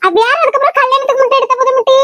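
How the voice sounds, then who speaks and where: A woman's voice: extremely high pitch, steady tone, very fast, pushed and bright, dry recording, voice pushed up. A woman voicing a fussy middle-aged mother in a cartoon, nagging and melodramatic, with a Kanyakumari Tamil accent. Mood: lecturing. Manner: scolding, melodramatic. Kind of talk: cartoon voice acting.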